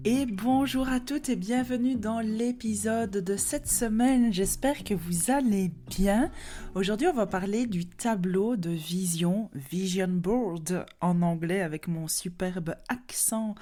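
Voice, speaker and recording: A woman with a Belgian French accent, talking as a podcast host in a gentle, chatty way with many fillers. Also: medium pitch, a little slow, soft background music. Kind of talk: casual solo podcast talk.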